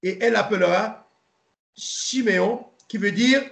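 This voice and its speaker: A Bible teacher leads an informal, relaxed Bible study in a fairly high, gravelly voice. He's halting, stopping and restarting often, repeating words and spelling names out letter by letter. The room has a roomy echo.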